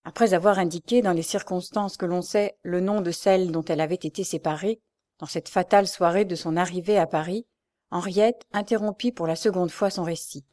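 A woman narrating a classic novel as an audiobook, with a steady, expressive storytelling manner. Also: lowish voice, fairly quick.

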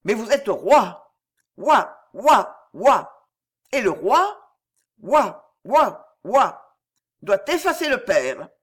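A woman reads a storybook court minister, fawning and pompous, talking in a raised, breathless voice and yapping like a dog between his pleas. His pitch jumps all over the place. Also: wildly swooping pitch, a little slow, husky, heavily acted. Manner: pompous, breathless, yelping barks.

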